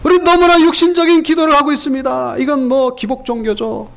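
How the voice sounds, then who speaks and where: A man's voice: extremely high pitch, level tone, a little fast, gravelly, fairly bright tone. A man preaching a sermon as pastor in a church, asking the congregation rhetorical questions and acting out quoted voices in his stories. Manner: acts out quoted voices in retelling. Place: church sanctuary. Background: congregation answering amen.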